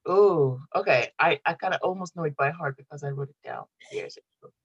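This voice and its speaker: A woman's voice: low voice, a little fast, breathy edge, no room sound, highs cut off. A woman from Morocco, in her thirties, chatting casually as an interview guest, laughing often and restarting her sentences. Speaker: guest, content marketing strategist.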